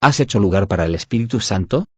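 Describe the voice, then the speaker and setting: A man narrating a devotional audiobook in an even, measured reading style. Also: fairly low pitch, breathy edge, no echo. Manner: even, measured reading that voices punctuation aloud.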